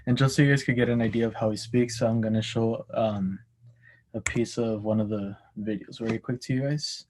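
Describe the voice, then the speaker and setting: A man's voice: lowish voice, fairly even intonation, fairly quick, a little mellow. A young man giving a class oral presentation, hesitant, with many ums and restarts. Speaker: student presenter.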